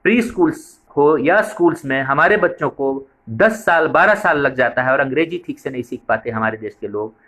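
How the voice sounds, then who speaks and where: A man's voice: medium pitch, expressive, fairly quick, few pauses, a bit bright. A man giving a training lecture on a preschool method, explaining step by step and repeating points for emphasis.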